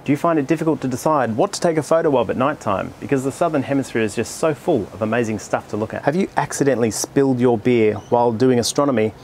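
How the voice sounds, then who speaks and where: An Australian man, an astronomer and channel host, doing a comedic sponsor read with a deadpan mock-salesman delivery. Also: mid-range voice, slight background noise.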